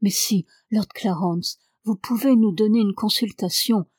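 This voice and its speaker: A woman's voice: mid-range voice, dry recording, studio quality, lightly acted. Woman reading as a distraught young woman. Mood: eager. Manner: quick, lively, distraught.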